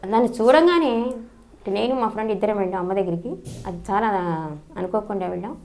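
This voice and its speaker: An older woman from Andhra Pradesh speaks. She tells her memories at a brisk clip, earnest and eager, often restarting a phrase. Her voice sits at an ordinary middle pitch. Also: warm tone. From Andhra Pradesh, India. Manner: fast, earnest storytelling with frequent restarts. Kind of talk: personal reminiscence.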